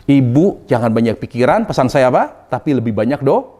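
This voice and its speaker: A man's voice: medium pitch, sing-song, fairly quick, warm tone. Male preacher, conversational and humorous, repeats his key points, casual sermon to a women's group. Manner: chatty and humorous, with colloquial asides and acted quotes; pleading, repeating points for emphasis. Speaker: Islamic preacher.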